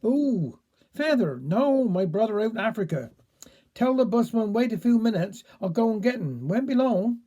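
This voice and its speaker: A man voicing a muddled, slow-witted Cornish villager who rambles in dialect. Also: high voice, very animated, warm tone, lo-fi sound.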